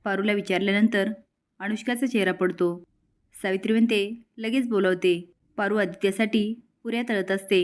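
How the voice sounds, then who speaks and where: A woman narrating a recap of a television serial in a steady storytelling voice. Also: mid-range voice, brisk.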